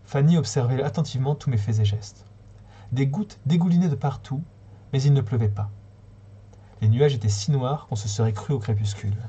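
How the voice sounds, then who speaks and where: A man reading a short story aloud on a livestream, calm and steady with a few small slips. His voice is mellow and relaxed, with a slightly husky grain. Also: mid-range voice, dull audio. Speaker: reader.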